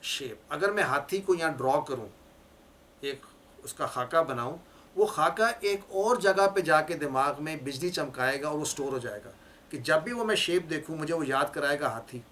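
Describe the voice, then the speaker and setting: A man's voice: fairly high pitch, animated, a bit bright, a little hiss or hum. A male teacher giving a classroom lecture, explaining each point step by step and repeating key words for his learners.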